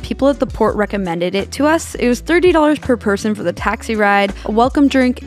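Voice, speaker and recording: A young woman narrating a casual travel vlog, chatty and candid, with plenty of "like" and "you know". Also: a little high. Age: young adult. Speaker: travel vlogger. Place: cabana day bed on a beach, outdoors.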